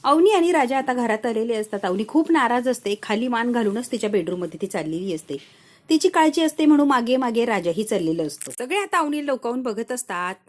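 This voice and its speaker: A woman's voice: a little high, fairly quick. A woman retelling the day's TV serial episode casually, telling the story with animation. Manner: animated storytelling that acts out the characters' lines. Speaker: TV serial recap narrator.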